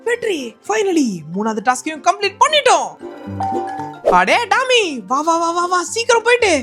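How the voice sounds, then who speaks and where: A woman's voice: very high voice, sing-song, normal speed, sharp tone, soft background music. A woman hosting a gaming video, giving chatty, teasing voiceover commentary as she plays. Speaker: gaming channel host. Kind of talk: playful game voiceover commentary.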